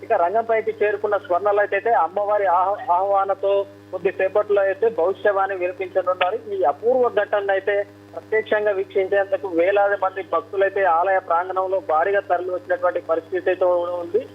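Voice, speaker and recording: A man's voice: sits high, little pitch movement, fast. A man giving a live field news report over the telephone. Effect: phone line. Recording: muffled phone line, faint noise.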